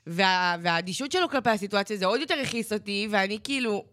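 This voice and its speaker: A woman's voice: mid-range voice, no room sound. Teen girl telling a story in a dry room. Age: teens. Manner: animated storytelling that acts out quoted voices, with lots of "like". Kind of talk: casual chat, personal storytelling.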